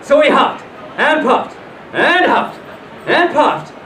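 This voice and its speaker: Captured from afar on a noisy camera mic, a storytime host in a full mascot costume reads aloud to a live crowd in a convention hotel function room, playful and tossing in casual asides. The voice is high and slightly bright, swooping widely in pitch at an unhurried pace. The audio sounds roomy and distant.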